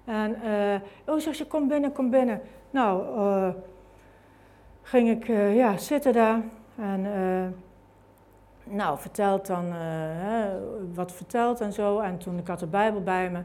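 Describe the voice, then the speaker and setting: A woman's voice: mid-range voice, takes it slowly, warm tone. Dutch woman telling her own testimony. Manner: conversational, many fillers and tag questions. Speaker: speaker giving a testimony. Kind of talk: personal testimony told as a story.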